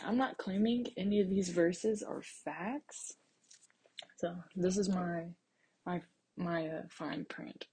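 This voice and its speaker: A woman's voice: lowish voice, dark tone, slightly rough. A young woman hosting her first solo podcast, talking casually and rambling, with self-deprecating asides to her listeners. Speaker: podcast host.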